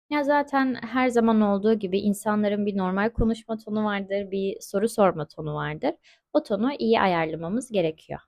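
A woman teaching French pronunciation in a slow, explanatory lesson, patiently saying each example word twice. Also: a little high. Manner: patient, repeats example words slowly.

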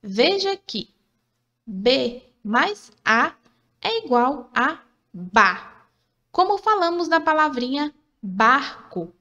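A woman's voice: high voice, sing-song, bright, forceful tone, lo-fi sound. A woman narrating a scripted literacy lesson for children, patient and encouraging, sounding out syllables one by one. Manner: slow, patient, syllable-by-syllable teaching; encouraging, asks questions then answers them.

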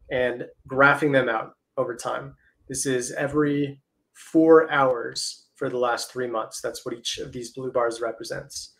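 A man talking through crypto market charts on a livestream video call, explaining step by step. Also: medium pitch.

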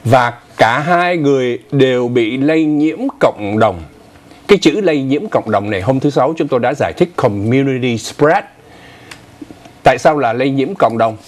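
An older man co-hosts a casual morning news program, his pitch swinging lively up and down as he explains. He talks in a chatty, conversational way, stopping for asides, and his voice comes through clean on a lapel mic in a TV studio. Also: normal speed. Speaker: news show co-host.

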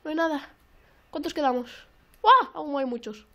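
Young woman, high voice, excitable gameplay commentary, repeats herself. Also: a little fast. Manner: excitable, repeats phrases, swears often. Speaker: gaming YouTuber. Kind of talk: casual let's-play commentary.

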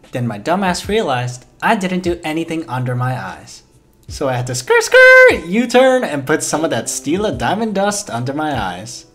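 A young man doing a comedic voiceover for a makeup video, playful and jokey, swearing freely and throwing in loud exclamations. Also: on the high side. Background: faint background music.

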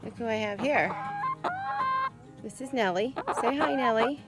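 A middle-aged woman who keeps backyard chickens and vlogs talks casually to her pets in short, coaxing phrases, recorded on a handheld phone. She's mostly outdoors in a garden and around a coop. Her voice is a little high and a little slow, with loud music behind it.

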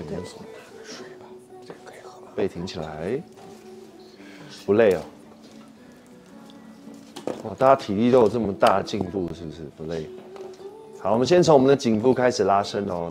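Low-voiced man hosting a stretching livestream. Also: a little mellow. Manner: chatty, often ends with checking questions. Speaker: fitness livestream host. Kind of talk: casual livestream chat and stretching instruction. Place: indoor home-style studio, seated on mat. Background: faint music.

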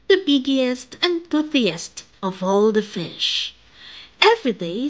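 A woman narrating a bedtime story in a gentle, sing-song, expressive way. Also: on the high side.

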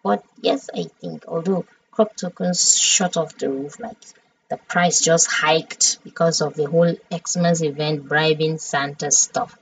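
A woman's voice: low-pitched, fairly even intonation, a little slow, vocal fry, dry recording, far from the mic, poor audio. A Nigerian woman streaming a farming game, chatty and dramatic as she talks through each step.

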